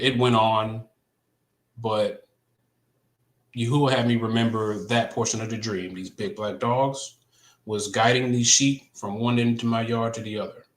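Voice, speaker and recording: A man on a casual faith chat show, telling about a dream in a halting way with many ums and restarts. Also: medium pitch, fairly even intonation, a bit bright, roomy sound. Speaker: co-host.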